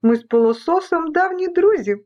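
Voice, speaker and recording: A woman's voice: very high voice, lively intonation, normal speed, a little mellow, pitched above the performer's own voice. A woman voicing a cheerful, eager little boy in a children's storybook reading. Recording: dull lo-fi recording.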